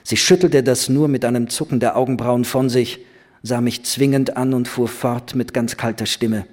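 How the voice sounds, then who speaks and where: A man reading a novel aloud in a calm, measured, literary manner. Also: medium pitch. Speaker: audiobook reader.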